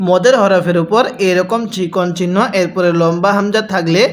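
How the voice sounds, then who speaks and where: A male religious teacher giving a recorded lesson step by step. He keeps asking how to read a phrase, then chants it very slowly and drawn out before explaining. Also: high-pitched, fairly even intonation. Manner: asks himself how to read, then answers.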